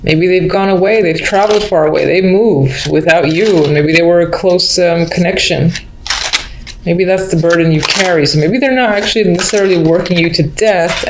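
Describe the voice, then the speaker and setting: A woman giving an unscripted mystical tarot horoscope reading, musing and thinking aloud as she addresses the listener. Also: fairly low pitch. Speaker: tarot reader. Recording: roomy echo, background noise, faint clicks.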